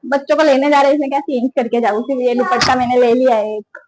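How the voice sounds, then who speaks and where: A woman's voice: high-pitched, little pitch movement, fast, darkish tone, a little hiss or hum, rough recording. A young woman, chatting casually to her phone camera at home for a family vlog. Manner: chatty, talks to her pet and family in between. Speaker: family vlogger.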